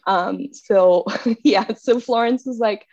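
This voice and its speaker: Laughing often, this podcast guest keeps things chatty and self-deprecating in a casual conversation. She's a young woman from Bangladesh with an American accent, and her voice is a little high and a little mellow, with a slow delivery. The sound is dull and dry, with no echo.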